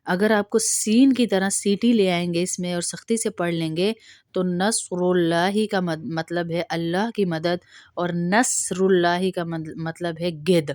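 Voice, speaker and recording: A woman teaching Quran recitation rules, reciting verses slowly and drawn out, then explaining quickly in between. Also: on the low side, fairly even intonation, darkish tone, no room sound, clean studio sound. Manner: slow drawn-out recitation alternating with fast explanation. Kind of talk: tajweed recitation lesson.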